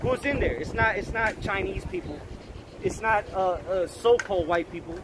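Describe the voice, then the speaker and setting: A man's voice: high voice, moderate pace. A man from Puerto Rico preaching outdoors to passersby, insistent and repeating his points as he cites scripture. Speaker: street preacher. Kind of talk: street preaching. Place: outdoors on a busy street. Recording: loud outdoor traffic noise. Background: passing traffic.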